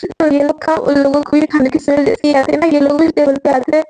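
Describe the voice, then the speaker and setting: A woman's voice: high voice, little pitch movement, fast, dark tone, faint music behind, low-quality recording. A woman narrating a romance story in a chatty, casual way, full of filler words and repeats.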